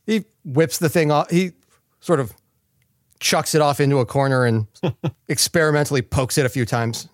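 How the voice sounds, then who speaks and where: A man's voice: on the high side, moderate pace, pauses often, no echo, clean studio sound. A man playing a tabletop game, casually describing what his character does. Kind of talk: casual improvised game chat.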